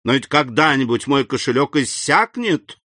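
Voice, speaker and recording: A man reading aloud, voicing a frantic aging captive banker who pleads in a high, shrill voice. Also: lively intonation, normal speed, bright, forceful tone, no room sound. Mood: pleading.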